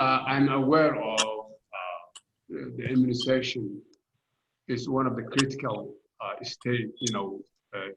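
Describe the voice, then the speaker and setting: A man's voice: medium pitch, a bit bright. Man, community leader, hesitant earnest speech, echoey room, dull noisy video-call audio. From Somalia. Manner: halting, many uh fillers, earnest. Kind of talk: round-table remarks on a video call.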